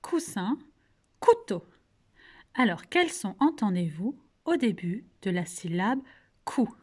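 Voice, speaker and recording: A woman teacher with a French accent leads a recorded phonics lesson for young children, pronouncing each word slowly and clearly, asking gentle questions and praising the answers. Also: mid-range voice, big pitch swings. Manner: slow, clearly articulated, patient, coaxing questions and praise. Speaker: kindergarten teacher.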